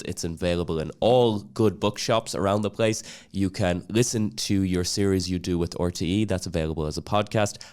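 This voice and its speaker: A man hosting a podcast, asking a guest questions in a relaxed, measured way. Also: low voice, smooth. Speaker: podcast host. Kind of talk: casual interview talk.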